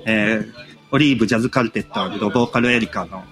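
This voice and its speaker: A man's voice: fairly low pitch, racing, music in the background. A man who runs a café, chatting casually as a radio guest and telling stories with lots of laughter. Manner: animated storyteller, laughs often.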